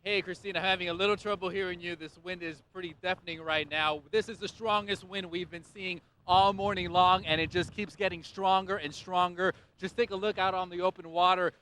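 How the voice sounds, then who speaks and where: Male live TV reporter, urgent and projected, high-pitched with a forceful edge. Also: steady tone, brisk, few pauses, slight background noise. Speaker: field reporter. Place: outdoors on a windy beach.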